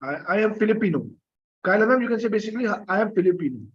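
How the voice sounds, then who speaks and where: A man's voice: sits high, animated, racing, breathy edge, dull audio. A man teaching an online French class, patiently coaxing students for answers, with many fillers and coughs. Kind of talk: live online class lecture.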